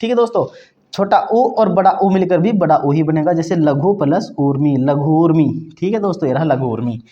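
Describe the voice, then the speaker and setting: Man, grammar teacher, high voice, quiz-style questions, muffled lo-fi sound. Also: brisk. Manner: repeats "ठीक है दोस्तों" and asks quiz-style questions. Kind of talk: online grammar lesson.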